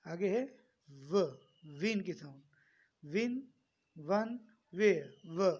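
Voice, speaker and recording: A man's voice: high-pitched, expressive, very slow, darkish tone, breathy edge, lo-fi sound. A man teaching a spoken English lesson, addressing his students kindly and repeating each sound firmly to drill it.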